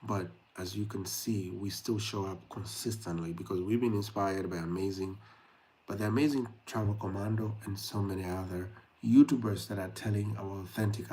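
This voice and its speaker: A young Kenyan livestreamer speaks casually to his viewers late at night on YouTube, with frequent fillers. His warm voice is on the low side, and the recording is rough.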